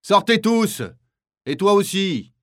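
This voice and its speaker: A man voicing a brutal camp guard who shouts harsh orders at the prisoners. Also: mid-range voice, fairly even intonation, very slow, no room sound, clean studio sound. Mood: furious. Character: brutal male camp kapo barking orders.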